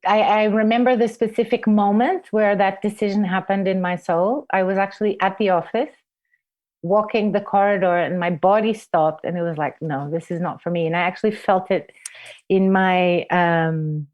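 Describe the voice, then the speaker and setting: A woman's voice: mid-range voice, fairly even intonation, moderate pace, dull audio. A woman in her forties from Portugal, telling her life story reflectively in an interview. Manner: reflective, soft-spoken, restarts with fillers. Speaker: guest, forest therapy guide trainer.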